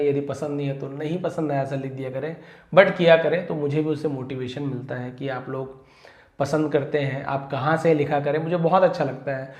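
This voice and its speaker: A male English teacher with a fairly high voice gives a vocabulary lesson in an echoey room. He calls out each word loudly, then explains it in a calm, worn tone. He sounds tired from long work hours. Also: highs cut off.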